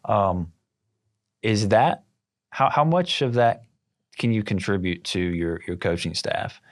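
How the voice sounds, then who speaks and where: A man's voice: fairly low pitch, animated, slow. A man hosting a podcast, asking questions and reacting encouragingly to his guest. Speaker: podcast host.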